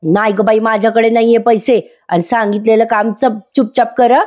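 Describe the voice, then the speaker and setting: A woman's voice: on the high side, little pitch movement, moderate pace, a little mellow, natural voice. A woman voicing a rustic middle-aged mother who nags and pleads with her daughter over the phone. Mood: nagging. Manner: nagging, pleading, folksy.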